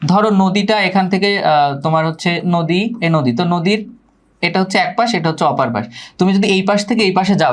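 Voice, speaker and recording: Male classroom teacher, patient and repetitive, checks understanding often. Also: high voice. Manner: explains slowly, repeats key words, checks "ঠিক আছে?"; scolds students to pay attention. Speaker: English grammar teacher. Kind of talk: classroom lecture.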